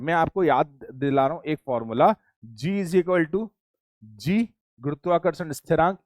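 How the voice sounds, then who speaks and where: A man's voice: fairly high pitch, a little mellow, dry recording. A man teaching a physics class online, repeating key points and quizzing his students with call-and-response questions. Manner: addresses students as beta and bachhe.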